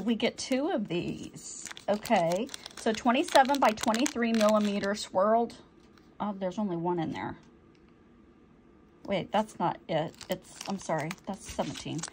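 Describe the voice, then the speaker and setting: A woman's voice: medium pitch, a little hiss or hum. A woman chatting through an unboxing, easily delighted and often apologizing for slips. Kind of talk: casual unboxing chat.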